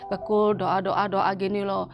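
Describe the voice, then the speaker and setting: A woman giving a church testimony in an interview, talking in a halting way with many restarts. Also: medium pitch, flat delivery, lo-fi sound, over music. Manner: halting, with frequent restarts and repeated words.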